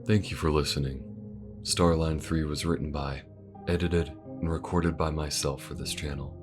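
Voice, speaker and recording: Deep-voiced man reading channel credits. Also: steady tone, normal speed, over music. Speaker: voice actor and channel host.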